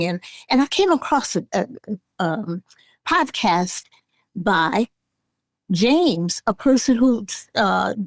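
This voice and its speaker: A woman in her eighties, a guest in an interview, speaking earnestly and deliberately, sometimes restarting her words. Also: mid-range voice, no room sound, studio quality. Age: 80s. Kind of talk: casual interview talk.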